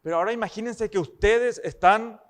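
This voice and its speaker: A man's voice: high-pitched, a little fast. A man preaching a sermon, emphatic and often asking the congregation rhetorical questions.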